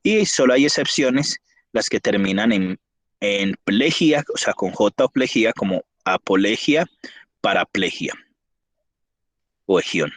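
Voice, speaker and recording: Low-voiced man teaching spelling rules. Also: expressive, no echo. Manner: reads spelling rules, spelling out examples slowly. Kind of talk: online class lecture.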